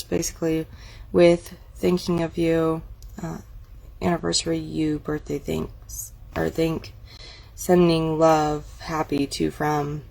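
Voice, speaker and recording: A woman's voice: low-pitched, gravelly, darkish tone. A woman casually walking viewers through a craft catalog, chatty and admiring, thinking aloud as she goes. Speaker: craft demonstrator. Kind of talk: casual product walk-through.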